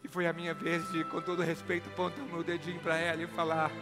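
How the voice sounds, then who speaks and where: A man's voice: on the high side, fast talker. A man, telling a dramatic motivational story as a speaker and acting out the dialogue. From Brazil. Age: 30s. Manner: animated, acts out dialogue. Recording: background music.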